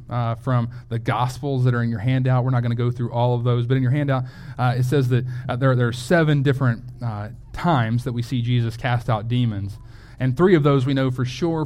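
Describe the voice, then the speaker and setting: A man's voice: medium pitch, a little mellow. A man teaching a Bible lesson in a loose, conversational sermon style, often restarting his phrases as he thinks aloud.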